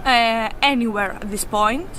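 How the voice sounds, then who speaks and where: A woman's voice: on the high side, measured pace, pushed and bright, a little hiss or hum, rough recording. A woman, speaking frankly and sarcastically in a street interview on a city rooftop. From Greece. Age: 20s.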